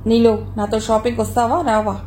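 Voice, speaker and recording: A woman's voice: fairly high pitch, little pitch movement, a little fast, darkish tone, a little hiss or hum, lightly acted, low-quality recording. A woman reading as a heartbroken, reproachful young man. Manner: pleading, reproachful. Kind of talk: audio novel reading.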